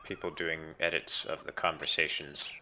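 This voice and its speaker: A man's voice: rumbling low, steady tone, normal speed, sharp tone, a little hiss or hum. A man giving casual, wry gameplay commentary as he plays. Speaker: gamer commenting on a game.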